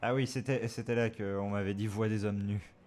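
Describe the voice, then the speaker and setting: A man's voice: fairly low pitch, fairly even intonation, normal speed, darkish tone. A man giving casual live reaction commentary as a gaming streamer, hesitant and rambling as he thinks aloud.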